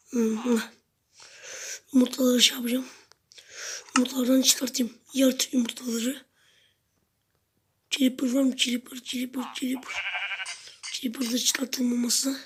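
High, flat-voiced woman narrating her gameplay. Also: slight background noise. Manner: chatty, talks to herself and viewers, sudden loud outbursts. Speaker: gameplay video host. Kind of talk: casual gameplay commentary.

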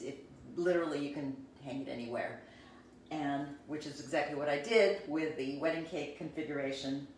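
Chatty woman, low voice, echoey room. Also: slight background noise. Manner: chatty, self-deprecating, enthusiastic. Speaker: artist giving a home art tour. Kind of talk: casual live-stream tour. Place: laundry room in a home, indoors. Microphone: handheld phone camera. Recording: echoey room, phone held at a distance.

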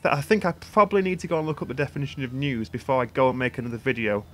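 A man's voice: medium pitch, rapid-fire. A British man doing sarcastic, mock-serious parody news anchor commentary for a gaming channel. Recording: gunfire and game noise behind voice. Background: video game gunfire.

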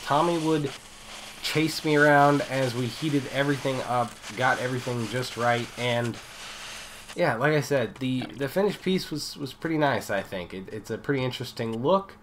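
A man's voice: mid-range voice, measured pace, a little hiss or hum, rough recording. Nasal-sounding man narrating a shop build. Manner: casual, relaxed explaining with fillers and restarts. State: head cold, nasal. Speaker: metal fabrication channel host.

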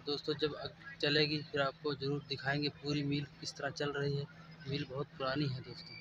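A man's voice: fairly high pitch, completely flat delivery, fairly quick, highs cut off. A man in his thirties with an Uttar Pradesh Hindi accent, filming a casual phone vlog outdoors and repeatedly addressing viewers as friends. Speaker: vlogger. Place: outdoors by sugarcane fields and a factory yard. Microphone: phone selfie at arm's length. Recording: noisy outdoor phone recording.

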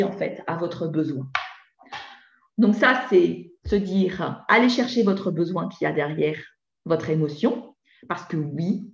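A woman's voice: lowish voice, vocal fry, a little mellow. A woman giving a public parenting talk on nonviolent communication, speaking conversationally with many fillers. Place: municipal conference hall. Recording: echoey hall, slightly dull sound.

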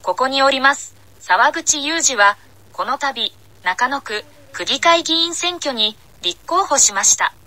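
Slow, bright woman on election loudspeaker. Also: high-pitched, lively intonation, rough recording. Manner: deliberate, phrase-by-phrase addressing of passers-by. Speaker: election campaign announcer. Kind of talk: election loudspeaker campaign announcement. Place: outdoor paved city plaza.

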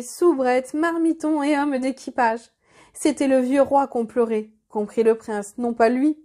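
A woman reading a children's fairy tale aloud in a measured, expressive way. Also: sits high. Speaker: storyteller.

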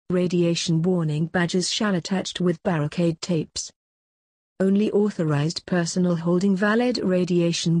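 A husky voice of middle pitch reads safety points one short phrase after another. It stays even and list-like, and the recording is close and dry, with no room sound. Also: dry recording. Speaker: safety instructor. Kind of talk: reading slide bullet points aloud.

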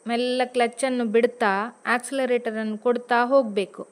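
Brief: bossy husband coaching driving, read by a woman, firm, pushy, a bit higher and louder. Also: steady tone, moderate pace, lightly acted. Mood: stern bossy. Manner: bossy, raises his voice. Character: stern impatient husband teaching driving, man.

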